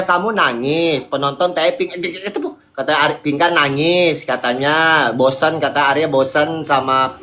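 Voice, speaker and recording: A man's voice: a little high, sharp tone. A man hosting a livestream, answering his partner in a placating, half-joking way and repeating soothing words. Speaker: livestream host. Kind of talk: livestream argument and chat.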